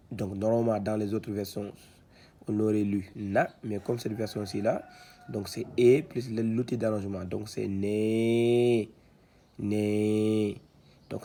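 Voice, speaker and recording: A man teaching Quran reading in a slow step-by-step lesson, sounding out syllables and often restarting his sentences. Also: fairly low pitch, warm tone, husky. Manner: hesitant, many restarts and fillers, repeats syllables slowly.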